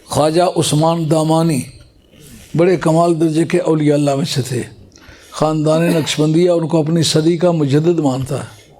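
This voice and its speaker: A man with a fairly high, warm voice delivers a scholarly religious talk to a gathering. He explains points patiently and recites Arabic phrases slowly.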